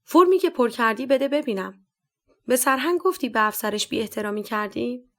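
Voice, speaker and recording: A woman's voice: fairly high pitch, animated, a bit bright. A woman voicing a stern, scornful male police captain who scolds harshly and talks down sarcastically. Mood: scolding.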